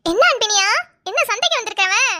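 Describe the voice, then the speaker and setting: A woman voicing a chatty, blunt young village girl in a cartoon, talking in a quick rural manner. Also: very high-pitched, lively intonation, noisy background.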